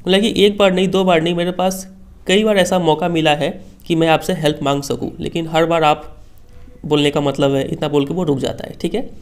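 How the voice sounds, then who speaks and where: A man's voice: fairly high pitch, fairly even intonation, brisk, clean tone. A male teacher patiently explaining a school text line by line, often checking that students follow.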